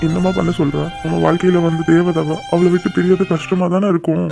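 A man's voice: high voice, level tone, fast talker, gravelly, over music. A man voicing a loving father in a cartoon, crying over his daughter. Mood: grieving. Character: grieving loving father, emotional. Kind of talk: cartoon voice acting.

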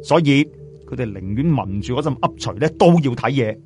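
Over a bed of background music, a Cantonese-accented man from southern China performs lively scripted narration as an audiobook storyteller. His mid-range voice moves briskly with swooping intonation, colloquial and expressive in classic storyteller fashion.

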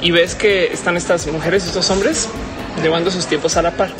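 A man's voice: high voice, fairly even intonation, normal speed, over music. A man in his thirties with a Mexican accent, a YouTuber interviewing a guest in a playful, joking way. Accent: Mexican Spanish. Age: 30s. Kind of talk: casual interview. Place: indoors, large stone-walled public building.

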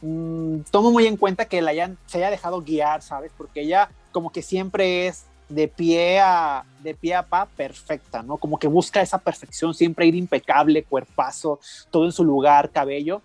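A man co-hosting a casual show review, chatty and gossipy, quick to agree. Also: on the high side, a little mellow, no echo, soft background music. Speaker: co-host reviewing a reality show. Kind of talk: casual chat.

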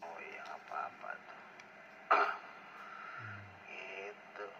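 A man, heard over a two-way radio speaker, chatting casually and relaxed with another radio amateur on the air. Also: low-pitched, very slow. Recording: distant noisy radio speaker.

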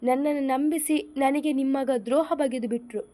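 A woman's voice: high voice, steady tone, normal speed, dark tone, lightly acted. A woman voicing a grief-stricken young wife who speaks in a tearful, accusing way in an audio story. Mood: bitter, accusing.

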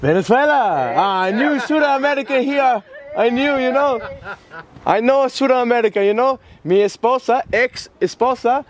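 High, swooping Australian man chatting outdoors. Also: animated, unhurried. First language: English. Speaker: vlogger. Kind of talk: casual vlog chat, halting Spanish mixed with English. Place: outdoors on a hillside path. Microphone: handheld camera mic, close. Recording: outdoor handheld camera, noisy background.

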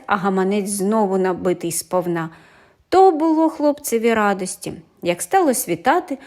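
A woman reading a fairy tale aloud in an animated, expressive storytelling manner. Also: mid-range voice.

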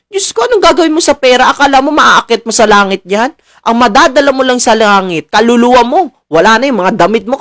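A young man from the Philippines ranting to his viewers, animated and preachy, mocking officials and laughing between lines. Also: very high voice, dry recording. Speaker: political commentator. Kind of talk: casual ranting monologue to viewers.

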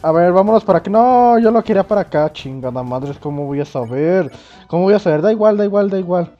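A man doing loud, excitable let's play commentary, swearing and yelping often. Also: high-pitched, fast, dull audio, soft background music. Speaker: gamer playing on video.

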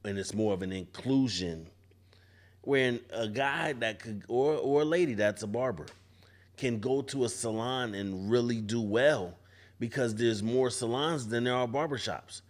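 Here a barber in his forties speaks in a mid-range voice at a measured pace, thinking things through and frequently restarting his sentences. The casual panel discussion is a podcast recorded indoors in a barbershop event space on a boom-arm studio mic.

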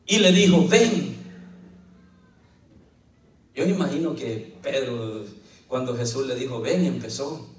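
Man, pastor, lively sermon, storytelling, roomy church sound. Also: medium pitch, moderate pace. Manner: lively storytelling preacher, jokes and quotes scripture. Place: church hall. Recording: echoey church, mic at a distance.

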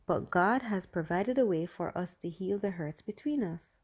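A woman narrating a children's Bible story in a gentle, carefully read manner. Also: fairly low pitch, expressive. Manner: slow, gentle, clearly read.

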